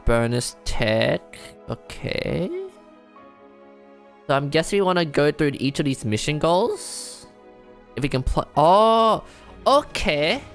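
Man, let's-play commentary, thinks aloud, excitable bursts, rough fry, soft game music underneath. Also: fairly high pitch. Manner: thinks aloud, self-deprecating, excitable outbursts. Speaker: gamer playing a strategy game. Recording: faint game music behind.

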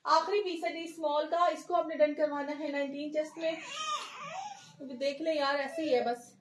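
A woman from Lahore with a Pakistani Urdu accent, talking through a live online clothing sale in a brisk, chatty patter, reeling off sizes and prices. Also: sits high, steady tone, slight background noise. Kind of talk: live-stream sales patter.

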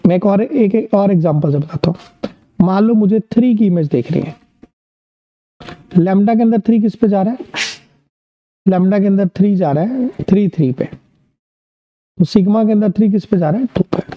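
A man's voice: sits high, normal speed, pauses often, highs cut off. A man with an Indian accent teaching an online maths lesson, upbeat and encouraging, asking questions and answering them himself.

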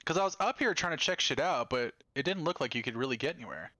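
Male streamer, excitable and foul-mouthed, bright tone, dry close mic. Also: mid-range voice, fast, no echo. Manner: profane, excitable, talks to chat. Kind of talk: casual live gameplay chat.

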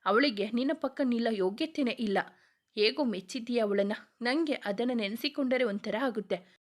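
A woman's voice: fairly high pitch, moderate pace, close to an everyday voice. A woman voicing a stern, wealthy middle-aged mother who scolds in a dismissive tone. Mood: scornful.

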